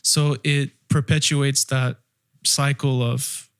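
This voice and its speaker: A man's voice: medium pitch, little pitch movement, slow pace, clean tone, dry recording, clean studio sound. A young man who grew up in France, co-hosting a podcast, talking things through with thoughtful restarts. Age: young adult. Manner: thoughtful, restarts phrases while explaining. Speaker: podcast co-host. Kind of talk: casual discussion.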